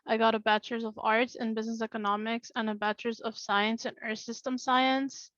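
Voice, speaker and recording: A woman's voice: level tone, a little fast, fairly bright tone, dry recording. A woman in her twenties, a graduate, speaking plainly and a little hesitantly on a video call. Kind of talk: short speech over a video call. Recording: dry, muffled low-fidelity audio.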